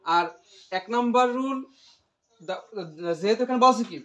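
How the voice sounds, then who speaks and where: A man's voice: very high voice, moderate pace, a bit bright. Male tutor drilling grammar with questions. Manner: asks questions and repeats the student's answers; patient, explains step by step. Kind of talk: English grammar lesson with call-and-response.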